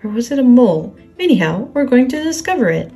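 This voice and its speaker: A woman voicing a simple, cheerful, easily excited toy bear in a children's storybook. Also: on the high side, brisk, faint music behind, pitched above the performer's own voice. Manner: naive, happily excitable, mispronounces long words. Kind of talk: children's storybook character reading.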